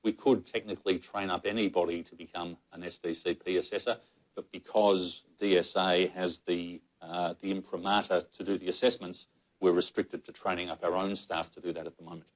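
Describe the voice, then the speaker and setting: A man with an Australian accent, a psychogeriatrician on a panel, explaining clinical points in a measured way. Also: low voice, little pitch movement. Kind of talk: panel discussion answers.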